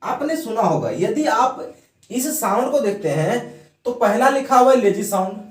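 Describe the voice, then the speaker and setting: A man's voice: high-pitched, very animated, normal speed, roomy sound, distant mic. A man teaching English grammar in a classroom lesson. He puts questions to the students, answers them himself, and has them repeat words after him.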